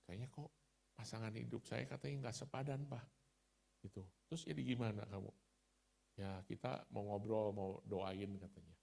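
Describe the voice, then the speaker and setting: Man, middle-aged, gravelly voice, relaxed storytelling sermon. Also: mid-range voice. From Indonesia. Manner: storytelling, chatty, laughs at himself. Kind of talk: conversational sermon.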